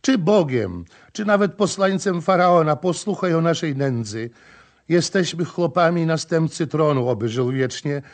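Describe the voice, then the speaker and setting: A man's voice: on the high side, lively intonation, a little slow, a little mellow. A man voicing a wailing peasant woman. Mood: pleading. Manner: pleading, lamenting.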